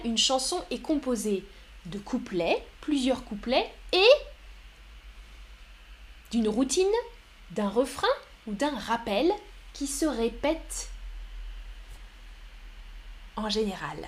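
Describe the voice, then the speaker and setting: A woman's voice: a little high, big pitch swings, slow pace, pauses often. A woman teaching French on a live stream, explaining patiently and greeting viewers in the chat. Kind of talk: live-streamed language lesson.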